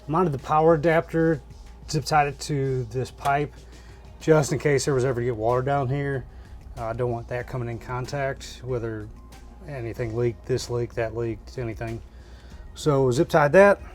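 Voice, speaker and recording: A man's voice: mid-range voice, fairly even intonation, normal speed, soft background music. Man talking through a DIY install inside camper. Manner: plain-spoken, thinking aloud as he works. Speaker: DIY RV vlogger. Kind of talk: hands-on installation tutorial, casual narration. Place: inside a camper, small indoor space.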